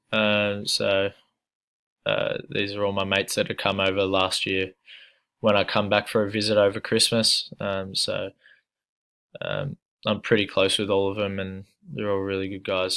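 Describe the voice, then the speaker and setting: A man's voice: sits low, clean tone. A young man from Australia with an Australian accent, giving a casual, hesitant self-introduction full of fillers. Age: young adult. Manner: relaxed, hesitant with many fillers. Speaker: student.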